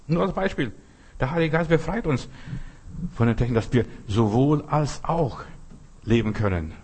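A man preaching with a husky, slightly breathy voice. He talks straight to the listener, leaning hard on repeated phrases and pointed asides. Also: mid-range voice, expressive, moderate pace, darkish tone. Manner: direct, addresses listener as du, emphatic repetitions. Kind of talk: sermon.

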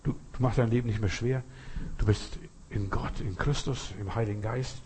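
A man's voice: mid-range voice, fairly even intonation, moderate pace, a little mellow, slight background noise. A man preaching a sermon, talking directly to the listener and often asking if they understand, with sudden emphatic rises in his voice. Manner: talks straight to the listener, keeps asking "you understand?".

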